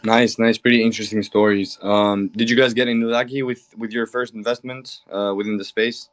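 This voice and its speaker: A man with a low voice hosts a casual online audio chat. He sounds upbeat and often repeats words as he asks questions. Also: level tone, brisk. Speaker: host. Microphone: online audio stream.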